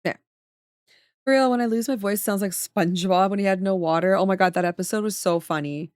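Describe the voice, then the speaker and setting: A woman streamer chats casually with her viewers while drawing emotes, often trailing off mid-sentence as she concentrates. Her voice is medium-pitched and somewhat dark, she talks fast, and the clean studio recording has no room sound.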